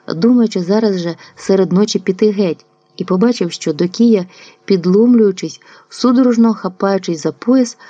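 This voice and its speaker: A woman narrating a literary audiobook in a calm, measured way. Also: medium pitch, no echo. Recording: dull lo-fi dry recording.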